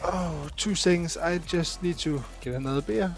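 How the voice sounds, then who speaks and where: A man's voice: on the high side, normal speed, loud music behind the voice. A young man chatting casually while gaming with friends, teasing and laughing a lot. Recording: faint background noise.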